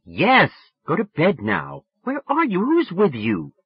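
Man acting a young woman, audiobook character, raised pitch, weary, curt, exasperated, scolding, dull recording. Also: fairly even intonation, a little slow. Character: exasperated young woman brushing off a drunk caller.

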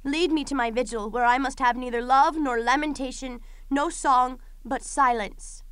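A woman's voice: high-pitched, fairly even intonation, moderate pace, a bit bright, clear, resonant tone, no room sound. A woman playing a doomed young princess in a Greek tragedy, grieving yet defiant, with solemn, lamenting declamation. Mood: bitter grief. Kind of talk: classical Greek tragedy audio performance.

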